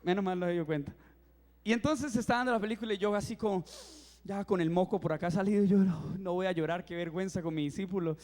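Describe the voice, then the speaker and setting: A young man in his twenties, a youth pastor, preaching a sermon and telling funny stories, acting out his own reactions with lively energy. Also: sits high, fast talker. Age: 20s. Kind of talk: sermon with humorous storytelling. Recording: reverberant hall.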